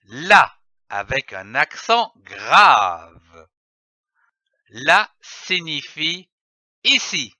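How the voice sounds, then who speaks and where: A man teaching young children to read, sounding out each letter and syllable with slow, deliberate enunciation and patient repetition. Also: a little high, sharp tone, no room sound, clean studio sound. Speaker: reading teacher. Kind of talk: reading lesson for young children.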